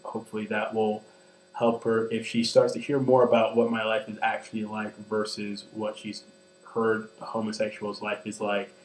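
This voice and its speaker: A man's voice: fairly low pitch, completely flat delivery, moderate pace. A man in his twenties speaking in a personal vlog, earnest and hesitant, with many ums and restarts. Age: 20s. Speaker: vlogger. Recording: echoey room with mains hum.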